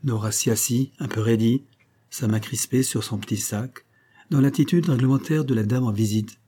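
A man narrating a novel in an audiobook with measured, literary storytelling. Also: mid-range voice, warm tone, slightly rough.

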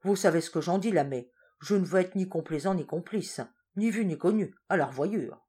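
A woman performs a malicious old farmer in a spoken storybook. He teases and warns in rustic country dialect. His voice is pitched raised and loud. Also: moderate pace, husky. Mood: mock-solemn. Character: sly old male farmer, teasing and malicious.

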